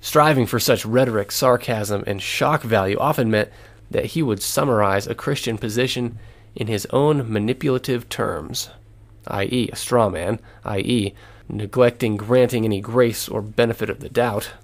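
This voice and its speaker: A man giving a scripted lesson, reading in a measured, earnest way. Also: fairly low pitch. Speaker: lecturer. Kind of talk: scripted narration.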